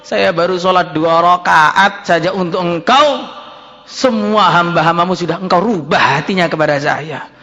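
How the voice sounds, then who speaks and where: A preacher acting out a repentant man crying out to God in prayer, fervent and pleading, in a high, bright voice. His words echo with a long reverb, and the recording sounds dull and lo-fi. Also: moderate pace. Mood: tearful pleading. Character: repentant worshipper praying aloud, adult man.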